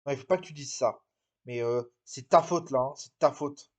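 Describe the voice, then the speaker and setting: A man performing an improvised amateur role-play dialogue, scolding in a halting way and often repeating his words. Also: medium pitch, a little mellow. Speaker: hobby drama performer.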